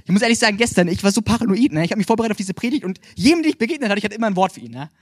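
Energetic young male preacher, Franconian lilt. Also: sits high, racing, no echo, studio quality. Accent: Franconian German. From Franconia, Germany. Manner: energetic, animated, frequent "hey" and "ja?". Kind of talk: sermon.

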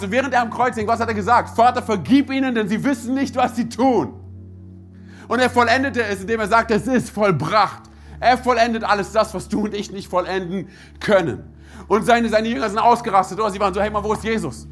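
A pastor preaching a sermon emphatically, addressing his congregation directly and punctuating points with quick interjections. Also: sits high, fairly bright tone. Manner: emphatic, punctuates with "hey" and "oder?".

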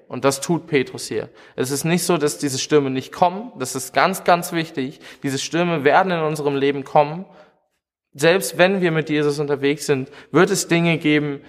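A man's voice: mid-range voice, long reverb tail. A man preaching a sermon in an earnest way, speaking straight to his listeners and often calling out "hey". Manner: earnest, direct address with frequent "hey".

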